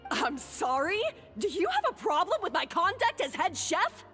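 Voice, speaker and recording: An actress playing a defiant young head chef who talks back in a snappy, defensive way. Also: female voice, extremely high pitch, big pitch swings, normal speed, a bit bright, long reverb tail, soft background music, heavily acted.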